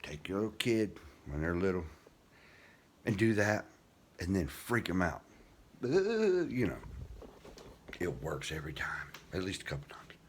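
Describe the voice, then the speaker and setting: Very animated yet unhurried, a deep-voiced older man without teeth pauses often as he rambles through casual vlog chat about guitar. His diction is soft-edged, his manner folksy and self-deprecating. Room ambience and background noise are clearly audible.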